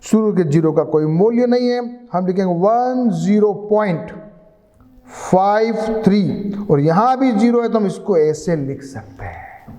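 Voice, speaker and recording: A man's voice: sits high, lively intonation, measured pace, mellow, in a large hall. A man teaching a maths lesson, patiently coaxing pupils with questions. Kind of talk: classroom lesson.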